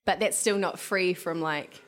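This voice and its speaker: A woman's voice: fairly low pitch, unhurried, a bit bright. A woman chats as a podcast host. Her talk is loose and giggly, and laughter keeps breaking into her sentences. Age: 20s. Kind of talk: casual chat.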